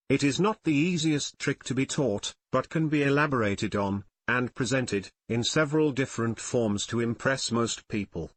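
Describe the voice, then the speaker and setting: A man reading scripted step-by-step instructions in a steady, instructional narration. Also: medium pitch, dry recording. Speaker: narrator of dog training videos.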